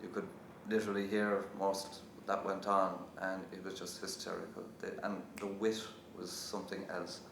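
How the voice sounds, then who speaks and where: Man, very deep, gravelly, flat, distant echoey noisy recording. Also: normal speed, hardly any pauses. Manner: quiet, reminiscing.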